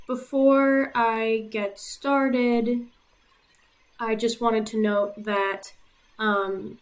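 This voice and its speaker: A young Puerto Rican woman who speaks Spanish natively, a YouTuber applying to medical school, walks her viewers through her own application in a vlog. She sounds relaxed and matter-of-fact, with an ordinary middle-pitched voice and lots of "um" fillers between points.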